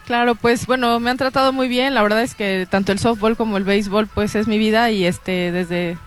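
A woman from Mexico City with a Mexican accent, answering interview questions in a relaxed way with many fillers. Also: mid-range voice, normal speed, soft background music. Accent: Mexican Spanish. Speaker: guest, baseball scout.

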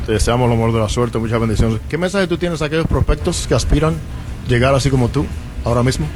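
Quick-talking sports broadcaster. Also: male voice, mid-range voice. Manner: formal, polished questioning. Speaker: baseball broadcast interviewer.

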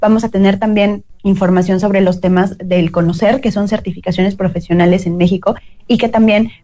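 Fast-talking Mexican woman consul. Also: mid-range voice, fairly even intonation, mellow. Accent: Mexican Spanish. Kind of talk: radio interview guest.

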